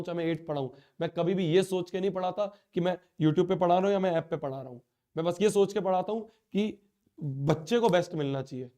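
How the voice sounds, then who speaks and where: A man's voice: on the high side, dark tone, clean tone. A young man teaching a live online class, speaking with hurt feelings and repeating himself, his nose and throat blocked. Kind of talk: live class address to students.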